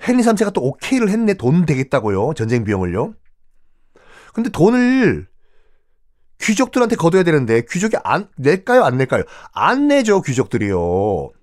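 A man's voice: a little high, darkish tone. A man hosting a history podcast, telling stories in a conversational way and asking and answering his own questions. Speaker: history storyteller podcast host. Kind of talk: animated history storytelling.

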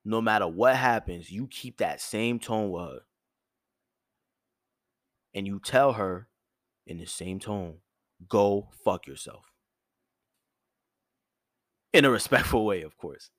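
A man hosting his own show, giving blunt, profane dating advice in a firm yet soft tone, with features. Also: on the low side, animated, measured pace, pauses often, no room sound, studio quality. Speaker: host. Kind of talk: direct advice monologue.

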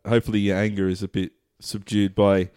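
A man's voice: fairly low pitch, level tone, a little fast, warm tone, clear, resonant tone. A man co-hosting a casual comedy chat, joking and teasing and often laughing. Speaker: podcast co-host.

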